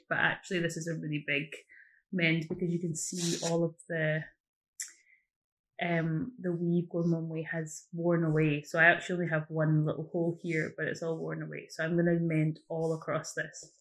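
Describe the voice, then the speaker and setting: A young woman, demonstrating a craft in a casual, chatty way, often correcting herself mid-sentence and thinking aloud. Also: on the low side. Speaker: craft tutor. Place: small room indoors.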